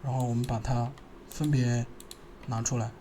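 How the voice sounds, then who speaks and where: A man narrating a screen-recorded software tutorial, thinking aloud and pausing as he works. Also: medium pitch, level tone, a little hiss or hum. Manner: thinking aloud, halting, pausing while working.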